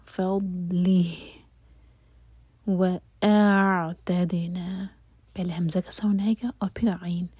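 A woman with a mellow, breathy voice teaches recitation, mostly in a hushed whisper. She recites verses slowly, stretching the vowels, and the recording is close and dry. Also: fairly low pitch, little pitch movement, no echo. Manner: soft whispered explanations between slow drawn-out recitation. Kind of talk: tajweed lesson with recitation.

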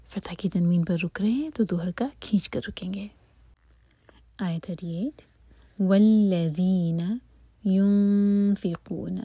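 A woman with a mellow, breathy voice teaches recitation, mostly in a hushed whisper. She recites verses slowly, stretching the vowels, and the recording is close and dry. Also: on the low side, no room sound. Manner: soft whispered explanations between slow drawn-out recitation. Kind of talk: tajweed lesson with recitation.

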